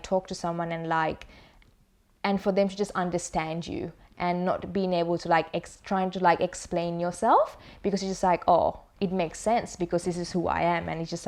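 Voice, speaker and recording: A young woman from Sri Lanka speaking casually about her own experience, full of fillers and restarts. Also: fairly low pitch. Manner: rambling, many fillers and restarts. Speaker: interviewee sharing lived experience. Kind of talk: casual testimonial.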